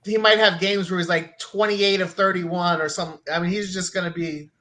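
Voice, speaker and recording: A man telling sports stories in casual chat, animated, blunt and a bit profane. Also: high-pitched, fairly quick. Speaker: sports talk show regular.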